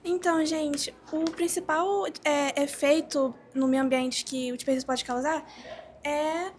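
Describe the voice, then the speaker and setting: High-pitched teen girl, student presenter, hesitant delivery. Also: steady tone, a little mellow, a little hiss or hum. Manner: hesitant, with pauses and fillers. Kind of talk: classroom presentation.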